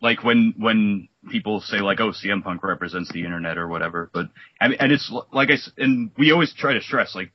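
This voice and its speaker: Male podcast co-host, low husky voice, rambling casual delivery, dry muffled recording. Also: a little fast, hardly any pauses. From New York. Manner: rambling, full of "like" and restarts. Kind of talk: casual chat recapping wrestling.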